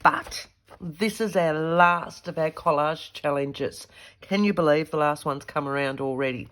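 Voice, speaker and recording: A craft video host with a stuffy head cold chats casually and talks to herself as she works through a craft project, a relaxed tutorial-style conversation. Her voice is low and fairly bright, at a measured pace.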